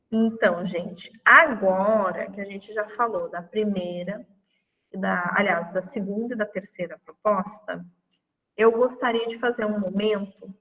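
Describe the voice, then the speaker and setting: A woman's voice: mid-range voice, fairly bright tone, in a large hall, far from the mic, highs cut off. A woman teacher, walking colleagues through classroom games in an online lesson, chatty and full of fillers. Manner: chatty, demonstrates games on screen with many fillers.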